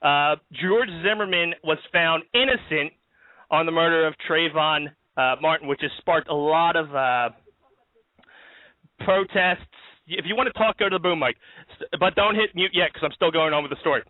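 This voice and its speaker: With a fairly high voice at a moderate pace, a man hosts a live-streamed comedy show outside in his backyard, rambling through the news with jokes and laughter. There's no room sound, and the audio is dry and tinny, like a phone.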